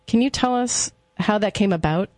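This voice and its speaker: A woman hosting a radio interview, friendly and easygoing, with a slightly halting way of asking her questions. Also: mid-range voice, darkish tone, no room sound. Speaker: radio host.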